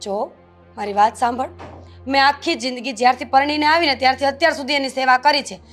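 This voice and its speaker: A woman's voice: high voice, steady tone, fairly quick, a bit bright, faint music behind. A woman acting a resentful elder sister-in-law in a family drama.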